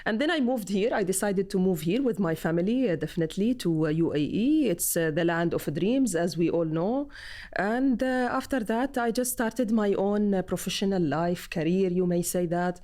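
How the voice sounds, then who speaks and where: A woman in her thirties from Palestine, chatting as a guest in an interview, often pausing with fillers and restarting phrases. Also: mid-range voice, warm tone. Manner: hesitant, many fillers and restarts. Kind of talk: casual interview chat.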